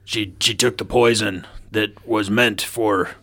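A man's voice: medium pitch, creaky, sharp tone, husky, full character voice. A man voicing a panicked character who stammers and pleads, shifting the blame in a tabletop game. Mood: pleading. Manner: stammering, halting, with coughs.

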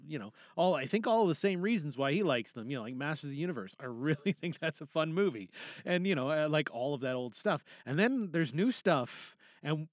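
Clean studio sound with no echo captures a man whose fairly high voice moves quickly and with lively intonation. Acting as a podcast host, he gives fellow podcasters feedback in a loose solo ramble of film opinions, regularly trailing off or rephrasing mid-sentence.

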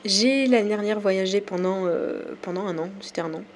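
A woman from France talks through her own podcast episode in a casual, halting way, often pausing with fillers. Her pitch sits in a middle range. Faint ambient noise hums behind her. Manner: hesitant, many pauses and fillers. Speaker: podcast host. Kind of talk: casual solo podcast talk.

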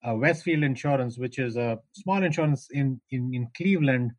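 As a guest on a podcast, this insurance tech founder, a middle-aged man from India, recounts his career in detail with frequent false starts. He speaks with an Indian accent in a medium pitch at a moderate pace, recorded without room sound.

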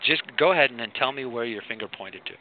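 A man's voice: medium pitch, expressive, quick pace. A man speaking earnestly and emphatically in a conversational talk, like a coach. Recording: tinny phone-like audio with faint noise.

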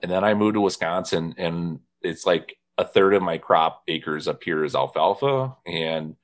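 A man's voice: low-pitched, moderate pace. A man from northern Indiana hosting a casual chat, telling funny stories and quoting people as he goes. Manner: storytelling, quoting others with laughs. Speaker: podcast host.

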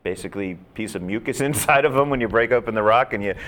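A man's voice: on the low side, quick pace, a bit bright. A man hosting a cooking segment, chatting easily and asking his guest questions. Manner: easygoing, chatty, asks questions. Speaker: host.

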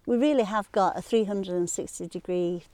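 A woman's voice: mid-range voice, darkish tone, no room sound. A middle-aged woman from Sheffield with a Yorkshire accent, a guest chatting on an open hillside and describing the landscape around her. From Sheffield, England. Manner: descriptive, unhurried, points out the landscape. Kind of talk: casual outdoor conversation.

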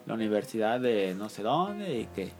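A man's voice: fairly low pitch, very animated, normal speed, a little mellow, soft background music. A man co-hosting a podcast, rambling and tripping over his words. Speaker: podcast co-host. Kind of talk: casual chat.

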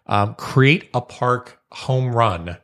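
A man's voice: mid-range voice, extremely slow, fairly bright tone. A man co-hosting a casual sports podcast, talking in a loose, rambling way with plenty of ums. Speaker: podcast co-host.

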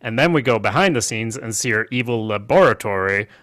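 A man's voice: fairly low pitch, expressive, fairly quick, fairly bright tone, no echo, clean studio sound. A man co-hosting a casual podcast, recapping a TV show in a loose, jokey way with plenty of swearing. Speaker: podcast co-host. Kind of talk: casual chat reviewing a TV show.

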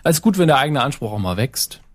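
A young man in casual conversation, relaxed and reflective, with dry remarks. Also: mid-range voice, fast, no room sound. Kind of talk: casual chat.

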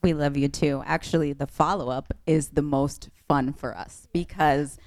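A woman's voice: deep voice, steady tone, normal speed, a little mellow, no echo. A woman physician assistant, a guest on a podcast, who explains treatments in a composed, professional way. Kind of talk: interview answers.

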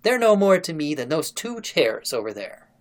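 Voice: medium pitch, sing-song, moderate pace, lightly acted. A man reading the lines of a haughty, shameless noblewoman mistress, raised and indignant.

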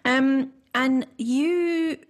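A Scottish woman hosts a podcast, speaking very slowly in a high-pitched voice. Her casual conversation rambles, full of fillers and restarts.

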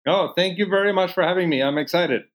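A man in his fifties from Sweden, answering interview questions in a relaxed way with many pauses. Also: sits high, poor audio. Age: 50s. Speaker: guest.

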